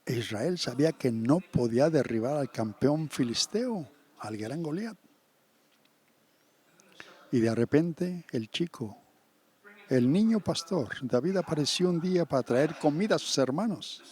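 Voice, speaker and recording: A man preaching a sermon, telling a scripture story in an animated way and acting out the quotes. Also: a little high, unhurried, husky.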